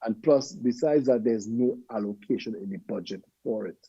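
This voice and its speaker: A man's voice: medium pitch, moderate pace, warm tone, breathy edge, no room sound. Emphatic Trinidadian man on a muffled line. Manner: emphatic, laughs often, repeats "right?". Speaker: guest. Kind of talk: call-in talk radio.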